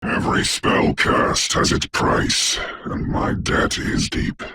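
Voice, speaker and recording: A man voicing a proud, grave sorcerer doctor in a video game, speaking formally and theatrically in a rough, whispery voice. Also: takes it slowly, very noisy, lightly acted. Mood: grave, solemn. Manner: grandiose, formal, archaic, solemn delivery. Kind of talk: theatrical game character voice lines.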